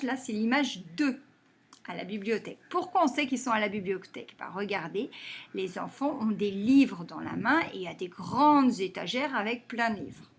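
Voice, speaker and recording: A woman teacher giving a phonics lesson to young children, saying words slowly and clapping them out syllable by syllable. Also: medium pitch, vocal fry. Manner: slow and deliberate, stretching and clapping out words syllable by syllable.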